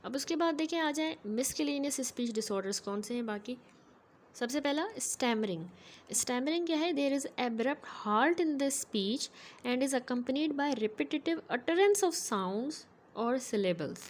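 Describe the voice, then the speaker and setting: A woman giving a methodical, explanatory medical lecture, often pausing to check in with her students. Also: high-pitched, lively intonation, slight background noise. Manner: methodical, keeps checking in with "ठीक है".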